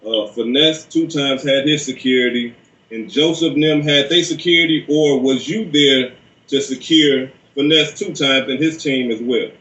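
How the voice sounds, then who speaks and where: A man's voice: medium pitch, normal speed, fairly bright tone. Distant, echoey male interviewer. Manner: probing, asks for clarification. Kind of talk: informal interview questioning. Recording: distant, echoey, muffled room sound.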